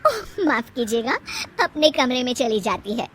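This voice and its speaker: A woman narrating a cartoon story in a lively storytelling manner. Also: high-pitched, a little slow, slight background noise.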